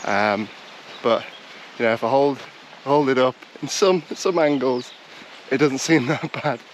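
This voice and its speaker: A man's voice: mid-range voice, unhurried, a little hiss or hum. A man in his thirties with a congested, bunged-up voice, chatting casually and self-deprecatingly to an action camera while out on a countryside walk. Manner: self-deprecating, rambling with restarts. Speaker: walking vlogger.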